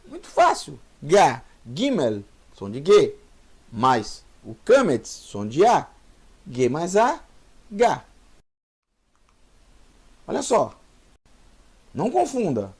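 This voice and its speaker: A man's voice: fairly high pitch, wildly swooping pitch, takes it slowly, long pauses, darkish tone, husky. A man teaching a Hebrew lesson, patiently repeating each letter sound and encouraging the learner. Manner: encouraging, asks the viewer questions. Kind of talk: online language lesson.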